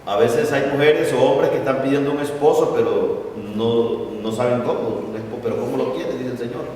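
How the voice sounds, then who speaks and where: A man's voice: mid-range voice, moderate pace, a little mellow. A middle-aged man preaching a sermon, telling stories and stressing key words. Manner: storytelling preacher, acts out quoted voices, stresses words. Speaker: pastor. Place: large church hall. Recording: echoey hall from far off.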